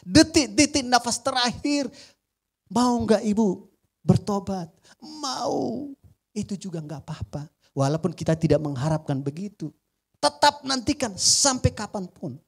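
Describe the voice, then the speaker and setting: A male pastor with a Batak-tinged Indonesian accent preaching a sermon to a congregation, joking and swinging between loud emphasis and quiet asides. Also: sits high. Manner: often addresses the congregation as "saudara". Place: church before a congregation.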